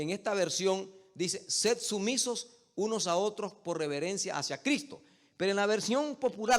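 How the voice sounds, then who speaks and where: A male pastor delivering a sermon. He tells stories in a conversational way, then builds to loud, emphatic preaching and keeps calling his listeners "brother.". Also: sits high, big-room sound. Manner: addresses listeners as "hermano". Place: church service.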